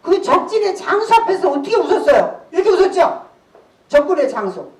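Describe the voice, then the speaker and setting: A woman in her sixties giving a laughter therapy lecture, animated, breaking into loud laughs and shouts as she leads the group. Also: very high voice, a little fast. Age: 60s. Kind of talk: workshop lecture with call-and-response. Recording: roomy hall, voice from a distance.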